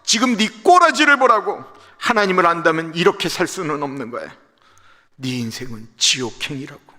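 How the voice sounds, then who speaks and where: A pastor putting on scornful Bildad, scolding loudly. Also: male voice, high voice, lively intonation, normal speed, voice pushed up. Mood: mocking. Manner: scolding, raised and mocking. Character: scornful, accusing ancient male friend of Job. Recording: echoey church sanctuary livestream.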